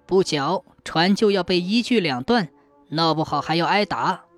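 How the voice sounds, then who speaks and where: A woman voicing a timid, kindhearted male boatman who speaks softly and anxiously, lower than her narration. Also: animated, moderate pace, close to an everyday voice. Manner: soft, anxious, pleading.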